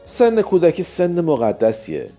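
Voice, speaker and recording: A man narrating a story as a dramatized audiobook, theatrical, swinging between loud outbursts and hushed asides. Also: on the high side, huge pitch swings. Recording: narration with faint music behind. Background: faint music.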